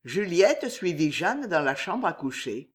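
Slow, expressive woman reading a novel. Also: on the low side, breathy edge. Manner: measured, expressive. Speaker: audiobook reader. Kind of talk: read novel narration.

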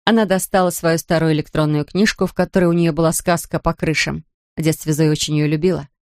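A woman reading an audiobook novel in an even, measured storytelling manner. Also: deep voice, dry recording, studio quality. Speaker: audiobook narrator. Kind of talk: scripted narration.

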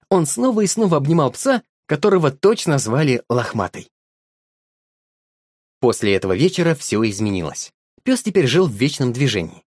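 A man narrating an audiobook in an expressive, lively storytelling manner. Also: mid-range voice, no echo, clean studio sound.

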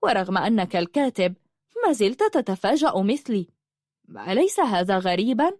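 Shy earnest young woman in an audiobook, flustered and halting, read by a woman. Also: mid-range voice, sing-song, darkish tone, no echo, clean studio sound. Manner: flustered, stammering.

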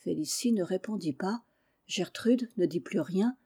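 A woman reading a children's novel aloud in a measured, clear way. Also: fairly low pitch, dark tone. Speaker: reader. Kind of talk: storybook narration.

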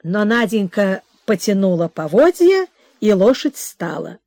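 A woman narrating a classic novel as an audiobook in a measured, expressive way. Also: mid-range voice, no echo, studio quality. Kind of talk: scripted literary narration.

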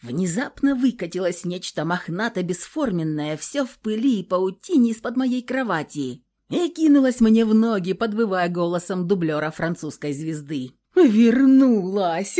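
A woman reads a first-person story aloud with sarcastic, expressive delivery. Her pitch sits in the middle and swings very widely. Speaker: audiobook narrator.

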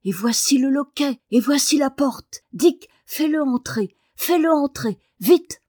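A woman's voice: a little high, lively intonation, moderate pace, mellow, no room sound, clean studio sound. A woman doing an eager, breathless sickly boy. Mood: excited. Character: frail excitable invalid boy in a wheelchair.

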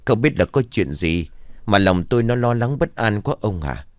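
A man's voice: on the low side, very animated, normal speed, no echo, studio quality. A man voicing an anxious mother who frets over her missing daughter. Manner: anxious, fretting. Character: worried mother of a missing girl.

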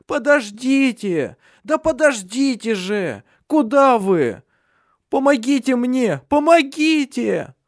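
A man's voice: extremely high pitch, sing-song, takes it slowly, dry recording, studio quality, pitched above the performer's own voice, full character voice. A man voicing a panicked soldier covered in sores, screaming for help in an audiobook. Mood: desperate. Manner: desperate screaming pleas. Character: panicked plague-stricken male soldier.

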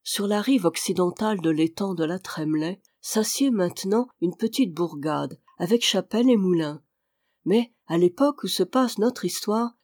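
Audiobook narrator, classic novel, measured delivery, even storytelling tone, mid pitch, dry close mic. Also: no room sound. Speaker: audiobook reader.

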